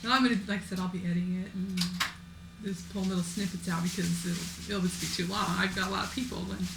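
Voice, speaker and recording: A woman's voice: medium pitch, fairly even intonation, fast talker. A woman chatting informally as she interviews a group, often trailing off mid-thought. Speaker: interviewer gathering family history. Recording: echoey room, clear background noise.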